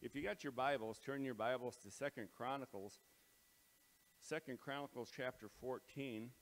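A pastor's voice, a man of middle pitch, leads a casual devotional talk and prayer. He speaks in a plain, halting way, full of ums and uhs. Every word rings with big hall echo from a bare, empty auditorium under renovation. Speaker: pastor leading morning devotions.

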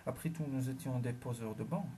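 A man narrating a science fiction audiobook in the first person, measured and dramatic. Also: medium pitch, mellow, a little hiss or hum.

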